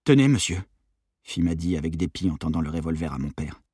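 A man narrating an audiobook in a measured, tense storytelling manner. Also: very deep voice, level tone, mellow, slightly rough, no echo, studio quality.

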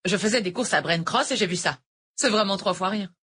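Woman voicing a moody irish tutor, husky, raised pitch, sharp and bitter, storybook reading. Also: brisk. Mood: cheery.

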